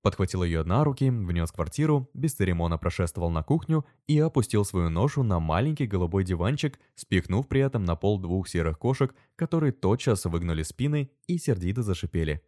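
Lower-voiced man telling a story expressively. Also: animated, brisk, few pauses, dark tone, no room sound, studio quality. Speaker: narrator. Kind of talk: audiobook narration.

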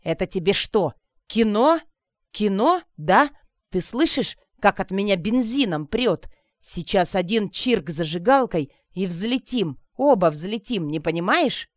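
A woman reading an audiobook voices a desperate young drunk man who shouts and shrieks in anger. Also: medium pitch, expressive, a little slow, dry recording, clean studio sound, natural voice. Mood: hissing. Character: young drunk man threatening to burn himself.

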